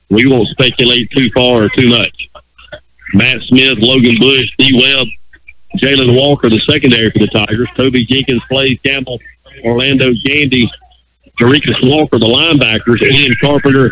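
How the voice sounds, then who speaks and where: A man announcing a high school football game live on radio, calling the action in a rapid running commentary. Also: a bit bright, a little hiss or hum, poor audio. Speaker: play-by-play announcer.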